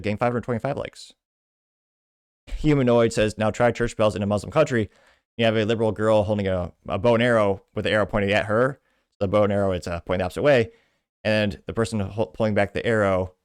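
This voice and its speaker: An American podcast host from the Midwest reads posts aloud and offers loose, rambling political commentary. His voice is lowish, the sound is studio quality, and there's no echo.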